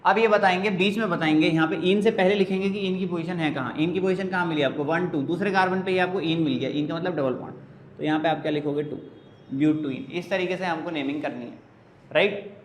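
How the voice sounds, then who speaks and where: A man's voice: fairly high pitch, quick pace. A male chemistry teacher giving a classroom lecture step by step. He asks questions and answers them himself, counting carbons aloud. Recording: echoey room with faint background hiss.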